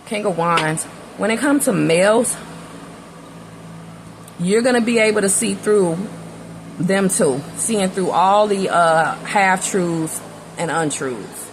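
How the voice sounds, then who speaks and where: A woman giving a relaxed tarot reading, talking straight to the listener. Her voice sits at an ordinary middle pitch, and her delivery is loose, slangy and conversational, as if she were chatting with a friend. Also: slow pace, pauses often, slight background noise, poor audio. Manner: casual, slangy, talks straight to the viewer. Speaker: tarot reader. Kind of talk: casual tarot reading and storytelling.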